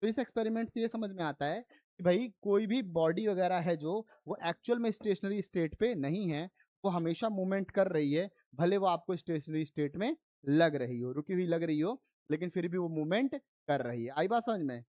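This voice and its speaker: A science teacher gives an online physics lesson step by step, frequently checking that students are keeping up and switching between Hindi and English terms. His high-pitched, animated voice moves at a moderate pace, a little mellow, with no room sound.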